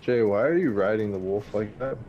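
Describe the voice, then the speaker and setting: A man with a lowish, animated voice talks a little fast in a squad's game voice chat, bantering casually. He's slangy and teasing and swears freely. The voice chat is noisy and the high frequencies are cut off.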